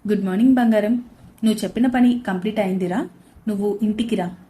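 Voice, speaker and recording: A woman's voice: medium pitch, quick pace, mellow, a little hiss or hum, close to an everyday voice. A woman voicing an arrogant young husband who talks curtly and with sarcasm, in a storybook reading. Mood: tender. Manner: curt and sarcastic.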